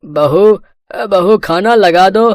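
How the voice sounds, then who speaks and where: A woman's voice: medium pitch, slow, a little mellow, voice pushed down, lightly acted. A woman doing a frail weary old father-in-law. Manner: weary, sorrowful.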